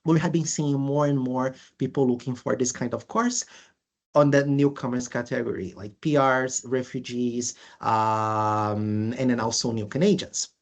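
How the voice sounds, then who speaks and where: Speaking at a medium pitch with fairly even intonation, a Brazilian language school presenter goes over course details during a webinar. Frequent uhs and restarts make the delivery halting, and the accent is Brazilian.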